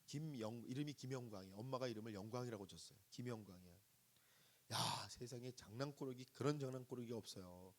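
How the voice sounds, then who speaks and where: A man's voice: mid-range voice, fast. A middle-aged man preaching a sermon, telling a story and asking the congregation questions, acting out the voices of the people in it. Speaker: guest pastor preaching at a revival service.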